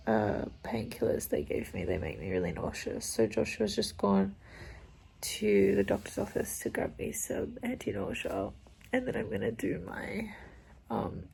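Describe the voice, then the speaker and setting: Sleepy and stuffy-nosed from congestion after surgery, a young woman vlogs casually about her recovery, rambling chattily with lots of "like" and "um." Her medium-pitched voice is gravelly, husky and dark, and the audio is poor.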